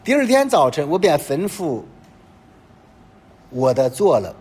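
Man preaching with lively pitch. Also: a little slow, breathy edge. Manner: animated preaching full of rhetorical questions. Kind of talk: sermon. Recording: long reverb with faint low rumble.

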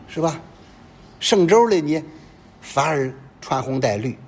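Man preaching with lively pitch. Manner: animated preaching full of rhetorical questions. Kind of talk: sermon. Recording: long reverb with faint low rumble.

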